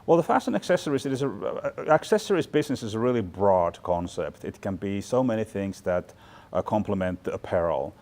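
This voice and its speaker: A Finnish man in his forties, a guest who chairs a fashion department, gives thoughtful, chatty interview answers with plenty of fillers and restarts. His voice is fairly low and darkish, animated and fairly quick, in a large, bright indoor studio loft.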